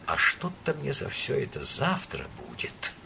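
A man voicing a timid, frightened young clerk who speaks anxiously and eagerly, with a husky voice. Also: medium pitch, huge pitch swings, unhurried, pushed and bright, a little hiss or hum, heavily acted.

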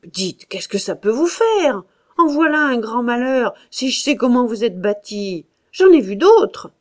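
A woman reading an audiobook, voicing a hot-tempered, impatient young male painter with loud, exasperated outbursts. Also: fairly high pitch, unhurried, lightly acted. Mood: angry. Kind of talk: audiobook character voice.

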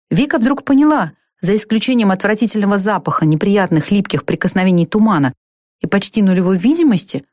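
A woman reading a storybook aloud in a steady, even narrating voice. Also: on the low side, dry recording, clean studio sound. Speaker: audiobook narrator.

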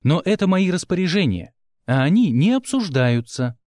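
A man's voice: a little high, big pitch swings, moderate pace, darkish tone, dry recording, studio quality, pitched above the performer's own voice. A man doing a curt demanding newspaper boss. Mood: commanding. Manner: clipped, commanding. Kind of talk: audiobook character voice.

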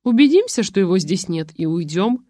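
A steady middle-aged policeman who explains things plainly and calmly, read by a woman narrator. The voice has a middling pitch and sounds dry and close. This is storybook narration. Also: normal speed, no echo. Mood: matter-of-fact. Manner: calm, matter-of-fact.

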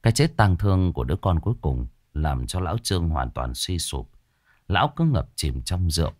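A man narrating a village ghost story in a slow, dramatic, folksy way. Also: low-pitched, sing-song, no room sound, clean studio sound. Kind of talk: spoken horror story narration.

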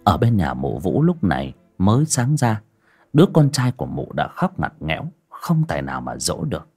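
A man narrating an audio story in an expressive way. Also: low-pitched, normal speed, vocal fry, slightly rough, soft background music.

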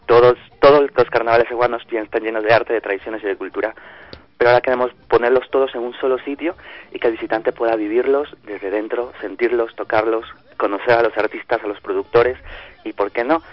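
The Ecuadorian guest, a festival organizer, now has a medium-pitched, steady voice and talks a little fast, with a dry recording over a dull lo-fi phone line. Hesitating and restarting often, he still speaks of his hometown with genuine enthusiasm.

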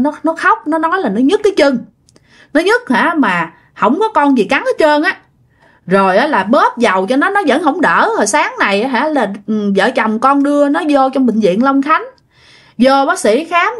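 A woman's voice: sits high, animated, moderate pace, fairly bright tone. Anxious, rambling mother, played by a woman narrator. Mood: worried. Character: worried mother.

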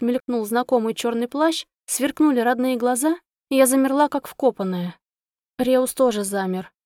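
Woman, audiobook narrator, first person, expressive, higher voice, dry close sound. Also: dry recording. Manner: expressive, emotional storytelling.

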